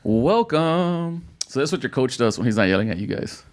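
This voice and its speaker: An American youth football coach hosts a casual podcast in a mid-range, sing-song voice at normal speed. He's upbeat and repetitive, frequently saying "outstanding."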